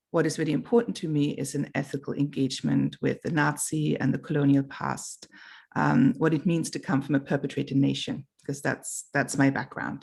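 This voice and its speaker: A middle-aged woman talks thoughtfully as a panel guest, pausing now and then to find her words. Her voice has a gravelly edge. She speaks over a video call. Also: a bass voice. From Germany. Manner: thoughtful, warm, with fillers and pauses. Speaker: guest artist. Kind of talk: panel talk. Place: home.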